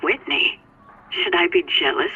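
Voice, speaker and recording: A sly female cat burglar in a video game, flirting and taunting over the phone. The voice is husky and bright, with animated pitch and a slightly muffled phone filter. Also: measured pace, full character voice. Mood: teasing. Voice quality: husky, breathy. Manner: playful, sultry, taunting. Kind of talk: video game cutscene acting.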